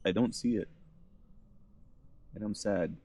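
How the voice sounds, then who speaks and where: A man with a very low, deep voice talks earnestly to his viewers from a campsite in the woods. He sounds emotional and sincere, as if holding back tears. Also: fairly even intonation, slow pace, dark tone. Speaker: vlogger. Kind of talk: heartfelt vlog monologue. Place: forest campsite outdoors.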